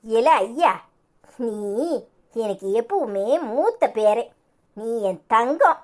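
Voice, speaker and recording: Casting: a woman doing a doting old cartoon grandmother, Tirunelveli accent, high voice. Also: sing-song, slow, slight background noise. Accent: Tirunelveli Tamil. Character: kindly elderly grandmother, emotional and doting. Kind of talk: cartoon voice acting.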